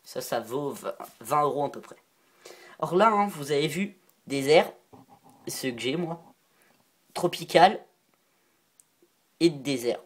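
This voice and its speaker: A man's voice: a little high, lively intonation, slow pace, long pauses. A man making a casual show-and-tell vlog about reptile lamps. He rambles, giggles often and admits when he is unsure. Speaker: reptile-keeping video maker.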